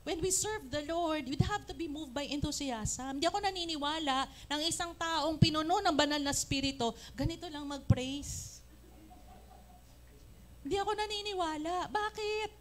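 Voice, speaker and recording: A woman with a Filipino accent preaching a sermon, animated, acting out quotes and shouting praise. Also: high-pitched, moderate pace. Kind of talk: Taglish sermon. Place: church service.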